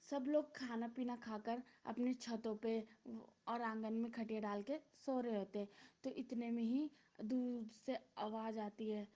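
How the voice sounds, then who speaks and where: A woman's voice: on the high side, fairly even intonation, measured pace, warm tone. A woman telling a story casually, in an informal and repetitive way with many fillers, on a dull lo-fi recording.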